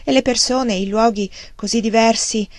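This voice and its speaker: A woman reads a grave, gentle clergyman father of middle age in a storybook reading. He speaks softly and with measured hesitation. The recording is close and dry. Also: a little high, steady tone, no room sound, natural voice. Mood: musing. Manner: soft, hesitant, measured delivery.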